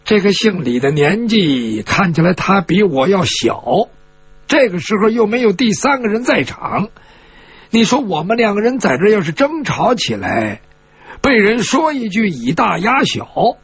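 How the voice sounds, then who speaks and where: A man's voice: high-pitched, slightly rough, dry recording, full character voice. A man voicing the inner thoughts of a proud, dignified male leader of heroes, restrained and indignant.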